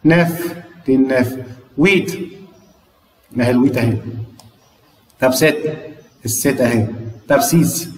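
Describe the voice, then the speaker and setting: A man's voice: medium pitch, a little slow, long pauses, echoey room, in a large hall, distant mic, low-quality recording. A man with an Egyptian Arabic accent teaches an online French lesson, counting aloud and explaining each exercise step by step.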